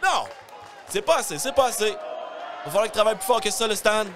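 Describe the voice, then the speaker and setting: A male wrestling commentator with a Quebec French accent delivers live play-by-play in a high-pitched, excitable voice. He exclaims and often shouts his calls, with a light crowd sound behind him. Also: a little fast. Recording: live event with crowd noise.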